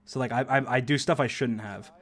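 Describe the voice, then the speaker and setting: Talking through his gameplay on stream, the young man chats loosely with plenty of fillers and laughter. His pitch sits in the middle and he speaks a little fast.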